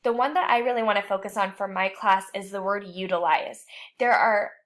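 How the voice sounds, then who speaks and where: A woman instructor giving a recorded online writing lecture, explaining rules clearly with the odd light joke. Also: medium pitch, brisk, fairly bright tone.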